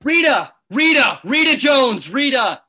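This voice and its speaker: A woman's voice: high voice, expressive, slow, heavily acted. A woman reading the part of a frantic, panicked twenty-one-year-old man in a play reading. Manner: frantic shouting, pleading.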